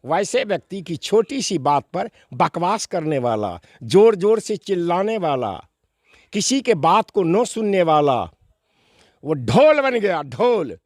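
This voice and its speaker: A man holds forth in an interview, unhurried and preacherly, and often checks in with rhetorical questions. His voice sits high for a man. The sound is close and dry. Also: big pitch swings, no room sound. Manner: preacherly, emphatic, with rhetorical questions and quoted verses. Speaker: interviewee, scripture expounder. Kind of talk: explanatory interview answers.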